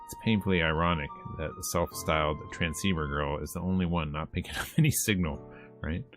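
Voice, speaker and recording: Deep-voiced and a little fast, with a fairly bright tone, a streamer reads out a game's text, cracking jokes and acting out lines. Game music plays behind him, including visual novel tracks and character voices.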